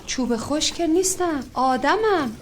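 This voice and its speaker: A woman's voice: high voice, lively intonation, slight background noise. An actress playing an anxious, overprotective middle-aged mother in a film drama, worried and pleading with her son. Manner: worried, pleading, then heated.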